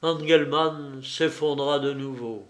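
A man reading a novel aloud as the narrator, in measured, even storytelling. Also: fairly high pitch. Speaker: audiobook reader.

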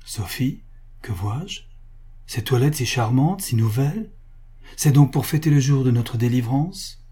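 A man's voice: mid-range voice, expressive, unhurried, mellow, breathy edge. A man voicing a passionate, adoring husband who speaks with ardent exclamations.

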